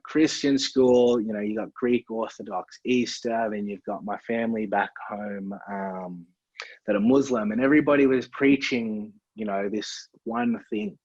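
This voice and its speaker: A podcast guest from Australia, this man speaks with a voice on the low side, keeping the conversation relaxed and frequently saying "man" and "like." The sound is dry, dull and lo-fi.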